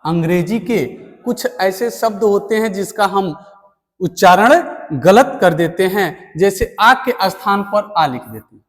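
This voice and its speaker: A man teaching a spelling lesson at a board, speaking deliberately and repeating words for emphasis. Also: high-pitched, animated. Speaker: Hindi teacher. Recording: long room reverb.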